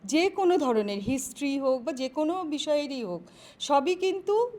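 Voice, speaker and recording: A woman professor answering interview questions on careers in a measured, explanatory way, pausing often to find her words. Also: high voice, expressive, a little mellow. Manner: measured, explanatory, with frequent pauses and fillers.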